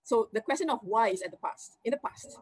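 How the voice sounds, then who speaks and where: A Malaysian-accented woman whose first language is Malay answers interview questions as a company executive. Her voice is on the high side and brisk, and she speaks energetically and emphatically, listing points and adding rising tag questions.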